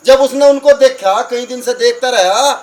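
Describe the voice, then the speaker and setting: A man, preaching at a satsang as a lively storyteller who acts out the dialogue and asks the crowd questions. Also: extremely high pitch, moderate pace. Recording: far from the mic, crickets in the background.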